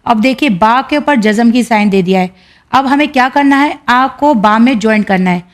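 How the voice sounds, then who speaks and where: Woman teacher, Indian Urdu accent, patient, slow clear syllables, somewhat high voice. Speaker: Quran reading teacher. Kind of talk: teaching lesson.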